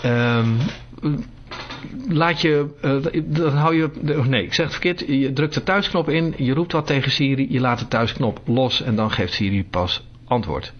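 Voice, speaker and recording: A man's voice: mid-range voice, lively intonation, measured pace. A man giving a casual spoken demonstration to a small group, hesitating often with filler sounds. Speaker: presenter demonstrating phone features to a group. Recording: dull lo-fi recording.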